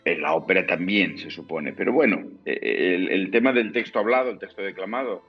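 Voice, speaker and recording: A baritone guest from Spain known for opera and zarzuela talks thoughtfully in an interview, stopping to search for the right words. His voice is low with a breathy edge, and the dull, lo-fi audio carries faint music underneath.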